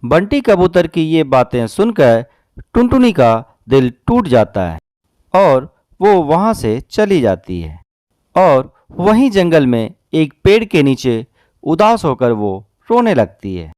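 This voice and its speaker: A man's voice: fairly high pitch, very animated, slow pace, darkish tone, dry recording, clean studio sound. A man narrating a children's cartoon story.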